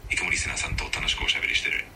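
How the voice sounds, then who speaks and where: A male text-to-speech AI assistant voice that talks politely and earnestly, sounding formal even when attempting a put-on Kansai dialect. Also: very fast, distant mic, slight background noise, poor audio. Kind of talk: polite scripted assistant chat.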